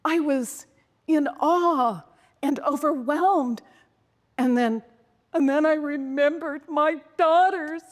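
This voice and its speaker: A woman telling a dramatic personal story in a slow, intense way, sometimes sinking to a whisper. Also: high-pitched, in a large hall. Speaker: speaker.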